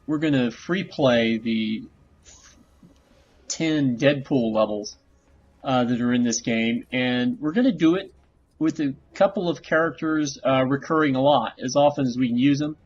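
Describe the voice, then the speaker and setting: A man giving casual gameplay commentary, relaxed and rambling with frequent fillers. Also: mid-range voice, a little slow, a little hiss or hum. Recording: dull lo-fi recording.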